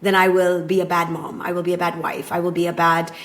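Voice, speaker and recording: A woman in her thirties, raised abroad, speaking as a podcast guest and relationship coach in a thoughtful, measured way. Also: fairly low pitch, little pitch movement. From born in Taiwan, raised in Japan. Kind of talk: conversational podcast interview.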